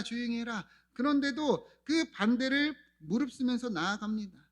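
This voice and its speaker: A male pastor preaching a sermon, asking the congregation questions and answering them himself, his delivery swinging between loud calls and soft near-whispers. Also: high voice. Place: church.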